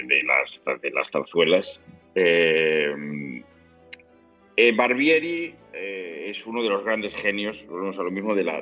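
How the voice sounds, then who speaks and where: Faint music plays under muffled, lo-fi audio as a man from Spain, a low-voiced opera and zarzuela baritone, answers questions in an interview. He takes care to explain, thinking as he goes and stopping to find the right phrasing.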